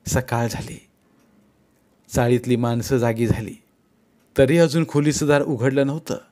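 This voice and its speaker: A man narrating a Marathi short story in a steady, expressive reading voice. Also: mid-range voice.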